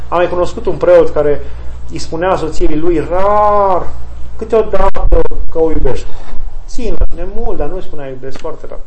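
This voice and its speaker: High-voiced man giving an emphatic spiritual talk. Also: a little mellow, slight background noise, low-quality recording. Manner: emphatic, repeats key phrases. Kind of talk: spiritual talk answering audience questions.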